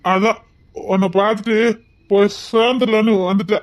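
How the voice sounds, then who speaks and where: A woman's voice: medium pitch, little pitch movement, normal speed, natural voice. Woman playing heartbroken drunk young man, Tirunelveli accent, faltering, stammering, pleading. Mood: despairing. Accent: Tirunelveli Tamil. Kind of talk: amateur dramatic dialogue.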